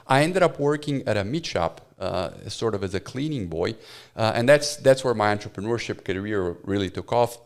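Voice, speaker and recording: A man in his forties with a fairly low voice, born and raised in Romania and a native Romanian speaker. He gives an earnest, heartfelt personal testimony as an interview guest. He often pauses on "uh" as he tells his story. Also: lively intonation. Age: 40s. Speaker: guest, professor.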